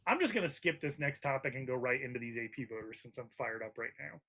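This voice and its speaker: A man's voice: mid-range voice, fast, fairly bright tone. A man hosting a college football podcast, arguing his point in an emphatic, casual debate. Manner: argumentative, emphatic. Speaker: podcast host.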